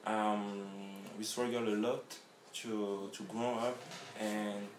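Man from France, interview guest, slow halting speech, low voice, roomy echoey recording. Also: little pitch movement, slight background noise. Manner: halting, searching for words. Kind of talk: casual interview chat. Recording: roomy echo.

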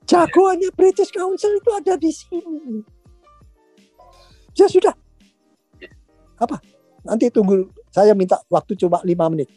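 Lively storytelling older man, tinged. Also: extremely high pitch, a little slow, pauses often, no echo, soft background music. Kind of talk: casual storytelling chat.

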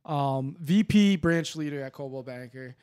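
Male podcast host, slightly high, rambling, loose and friendly. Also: normal speed, a little mellow, clear, resonant tone. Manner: rambling, full of fillers and restarts, friendly. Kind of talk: casual chat.

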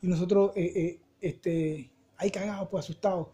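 A young Venezuelan man with a mellow, relaxed tone tells a story on a podcast. He is full of slang and jumps into little voices for everyone in it. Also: high voice, moderate pace, breathy edge. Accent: Venezuelan Spanish. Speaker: podcast co-host. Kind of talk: casual storytelling chat.

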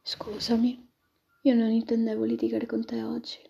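Storybook lover, young captain, earnest, read by a woman; mellow, lo-fi. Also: a little high, completely flat delivery, normal speed, creaky, husky, faint music behind, exaggerated voice. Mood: tender. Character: smitten young male captain. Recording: dull lo-fi recording.

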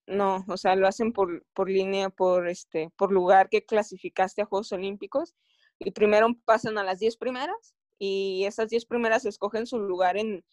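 A woman's voice: mid-range voice, steady tone, normal speed, darkish tone, no room sound. A woman with a Mexican accent, an athlete recounting her experiences in a casual interview, often stopping and restarting her phrases. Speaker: Olympic athlete guest.

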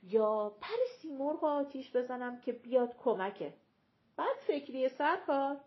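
A woman voicing a quarrelsome, mocking male clown of folk comic theater in an audiobook, talking loud and sing-song. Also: high-pitched, lively intonation, lo-fi sound.

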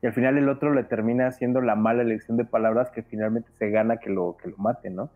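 A man's voice: mid-range voice, fairly even intonation, fast talker, narrow, tinny audio. A man, a guest on a podcast, talking at length in a casual discussion and thinking aloud with plenty of fillers. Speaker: guest film commentator.

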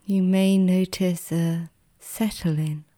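With the calm of a sleep story narrator, a woman guides a relaxation meditation. She speaks softly in a lowish voice, sometimes breathy, soothing and gentle, with fairly even intonation and long pauses.

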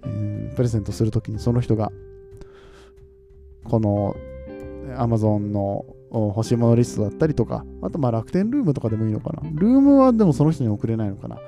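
Man, podcast host, very dark mellow tone, easygoing chat, chuckles, faint music behind. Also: mid-range voice, brisk, vocal fry. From Nagoya, Japan. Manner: relaxed, chatty, often chuckles, asks listeners questions. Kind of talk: casual solo chat.

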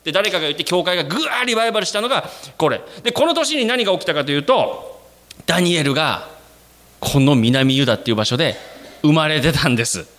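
A man preaching a sermon to his congregation, speaking to them directly. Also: fast. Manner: animated, addresses the congregation directly; acts out quoted voices with sudden jumps in pitch. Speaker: pastor.

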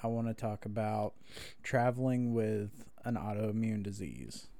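A man's voice: fairly low pitch, measured pace, mellow, no room sound. A man chatting casually as co-host of a podcast. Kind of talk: casual chat.

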